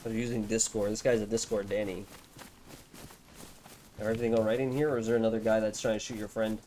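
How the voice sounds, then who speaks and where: A man's voice: fairly low pitch, flat delivery, fast, darkish tone, slight background noise. A young man streaming a game, chatting casually and amiably with strangers he meets. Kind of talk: casual chat while playing a game.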